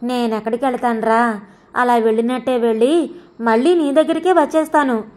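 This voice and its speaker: A woman voicing a frail, bedridden old grandmother who speaks gently and with resignation, in an audio story. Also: on the high side, steady tone, normal speed, natural voice. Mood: resigned.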